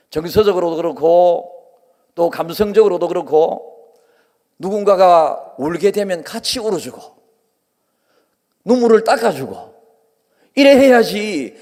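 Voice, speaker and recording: A man's voice: high voice, darkish tone. A male pastor with a Gyeongsang accent preaching a sermon, earnest and repetitive in his cadence. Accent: Gyeongsang Korean. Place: church sanctuary. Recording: long reverb of a church hall.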